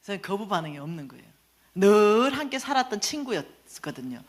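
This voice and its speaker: A woman, a church lecturer telling stories in an animated sermon. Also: mid-range voice, brisk. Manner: animated, acts out quoted voices. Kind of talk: lively storytelling sermon lecture.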